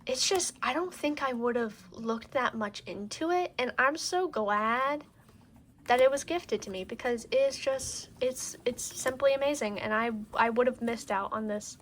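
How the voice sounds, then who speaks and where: A woman's voice: a little high, normal speed. A woman giving a casual, gushing, rambling show-and-tell to camera, talking in strong wind. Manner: gushing, rambling with many 'like' asides. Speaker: tarot deck collector showing cards to camera. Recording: windy outdoor-like background noise. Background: wind noise.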